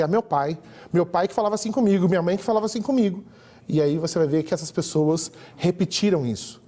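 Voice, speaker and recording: Brazilian male psychologist, church talk, earnest and instructive, dark mellow tone. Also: fairly high pitch. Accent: Brazilian Portuguese. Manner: earnest, teaching tone with quoted examples.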